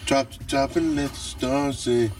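A man's voice: mid-range voice, fairly even intonation, measured pace, darkish tone, far from the mic. A man co-hosting a comedy podcast, teasing his friends with dry quips from inside a parked car. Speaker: podcast co-host. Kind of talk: casual comedic banter.

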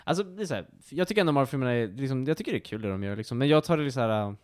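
A man co-hosting a casual podcast chat, animated and chatty with lots of fillers. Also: mid-range voice. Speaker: podcast co-host.

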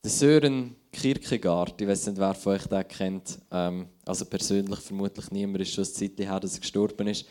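A man's voice: low-pitched, steady tone, moderate pace, few pauses, dark tone. A man in his thirties with a Swiss German accent, giving a conversational sermon and thinking aloud, with frequent restarts. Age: 30s. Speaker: pastor. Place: church hall.

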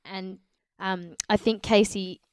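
A woman's voice: mid-range voice, steady tone, slow pace, clear, resonant tone, no echo. An Australian woman co-hosting a podcast in casual, jokey, teasing chat. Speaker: podcast co-host.

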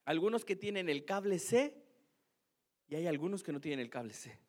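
A man's voice: on the high side, expressive, normal speed. A male pastor telling a funny story about himself in a sermon, chatty and self-mocking, who keeps asking "¿no?". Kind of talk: sermon with a humorous personal story.

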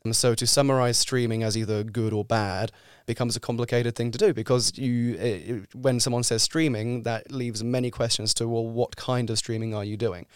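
A young man from France, a guest researcher in a podcast interview, explaining at length in a measured way with small restarts. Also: medium pitch, fairly even intonation, clear, resonant tone, no room sound, clean studio sound. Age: young adult.

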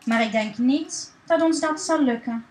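A woman voicing an exhausted, hungry mother who speaks softly and tearfully. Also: high-pitched, unhurried, echoey room. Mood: despairing. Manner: soft, fading, tearful.

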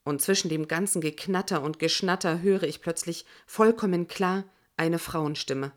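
Woman narrating an audiobook, slightly low. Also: normal speed. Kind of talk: first-person scripted narration.

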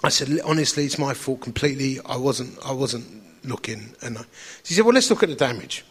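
A man from Essex, England, with an Essex accent, delivers a sermon to an audience through personal anecdote, chatty, wry and self-deprecating in his storytelling. His medium-pitched voice is expressive, a little fast and slightly rough.

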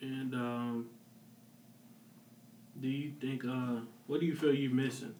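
A podcast host with a medium-pitched, darkish voice speaks slowly and flatly, tossing out loose, slangy questions and jokes in a casual interview chat. He's off-mic and far away in an echoey room, with faint background noise.

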